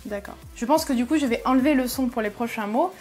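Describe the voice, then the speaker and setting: A woman's voice: on the high side, fast, a little mellow, faint music behind. A woman hosting an English-learning channel, giving reaction commentary, explaining pronunciation step by step and thinking aloud as she sounds out words.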